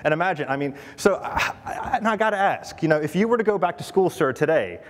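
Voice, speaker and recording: A man's voice: a little high, expressive, fast talker. A man speaking at a conference, chatty and full of fillers, often checking in with the audience. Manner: chatty, asks the audience questions, many fillers. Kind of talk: conference keynote talk. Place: large conference hall. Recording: long hall reverb.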